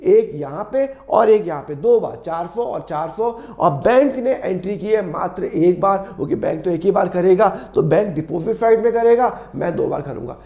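Man, hoarse throat, accounts teacher, mellow tone, self-questioning, repetitive explaining. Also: high voice, expressive, normal speed, hardly any pauses, roomy sound. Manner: asks and answers his own questions, repeats key phrases. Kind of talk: classroom-style lesson explanation.

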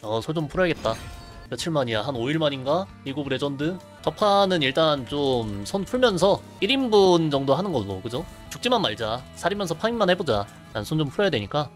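A man's voice: a little high, big pitch swings, a little fast, soft background music. A young man casually commenting while streaming a game, chatty and laughing, reading chat aloud.

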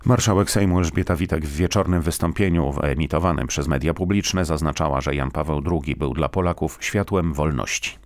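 A man's voice: extremely low pitch, brisk, few pauses, dry recording. A man reading a formal radio news bulletin in a studio. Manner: steady, formal newsreading.

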